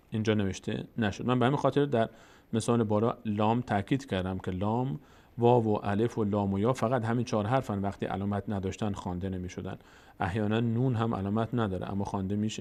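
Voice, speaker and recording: A man with a middle-pitched voice teaches how to read the Quran aloud. He talks through each rule in a plain explaining tone, then drags the example words out syllable by syllable so the students can hear every sound. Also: darkish tone. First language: Tajik. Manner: explains rules then slowly drawls recited words. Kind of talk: recorded tajweed lesson.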